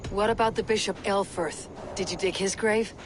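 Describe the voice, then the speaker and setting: A woman's voice: mid-range voice, steady tone, normal speed, background noise, lightly acted. An actress playing a direct, terse Viking warrior woman questioning people in a video game. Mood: probing. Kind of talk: video game character acting.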